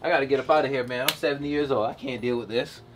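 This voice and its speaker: A man's voice: medium pitch, steady tone, racing, fairly bright tone, close to an everyday voice. A man playing a grumpy, exasperated seventy-year-old grandpa, grumbling in a loosely improvised family comedy skit. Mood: pleading, fed up. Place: around a house, indoors and outdoors. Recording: noisy, roomy, distant camera-mic sound.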